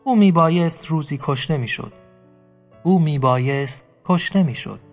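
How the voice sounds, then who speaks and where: A steady, quiet lawman offering comfort in a low-key, consoling manner, as a male storyteller plays him. The man's voice sits a little high, with faint music underneath. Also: close to an everyday voice.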